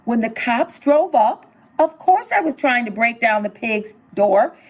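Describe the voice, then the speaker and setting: Middle-aged woman, high, lively storybook read-aloud, unhurried and expressive. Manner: expressive storytelling, narrating as the wolf. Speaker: school superintendent reading aloud.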